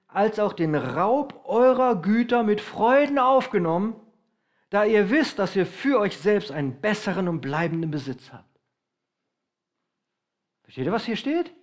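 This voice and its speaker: A man preaching a sermon to his congregation, emphatic and slowing down to stress key points. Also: high voice, lively intonation. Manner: emphatic, varies loudness, slows for stress.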